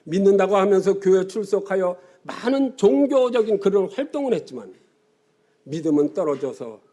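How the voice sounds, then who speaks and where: A man in his seventies, a pastor preaching a sermon with animated storytelling and sudden quiet drops. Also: sits high, moderate pace. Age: 70s.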